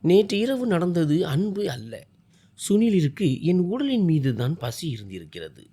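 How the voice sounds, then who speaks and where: A wounded young wife snaps back through her tears with bitter retorts, as a male storyteller puts her on. The voice is dark and husky, and its pitch swings about freely. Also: very animated, unhurried, exaggerated voice. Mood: bitter, hurt. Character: angry hurt young wife.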